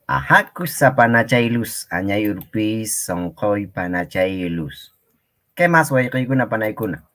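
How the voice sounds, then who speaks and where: Slow, patient male language teacher. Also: fairly low pitch, animated, fairly bright tone. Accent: Peruvian Spanish. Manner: patient, repeats words slowly for students. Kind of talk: online class.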